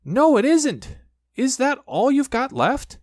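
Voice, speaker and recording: Give this to a little piglet in a children's storybook. The voice is squeaky and very high, with an excitable, childlike lilt. He is timid at heart but eager to sound brave. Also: slow pace, no room sound, clean studio sound, full character voice.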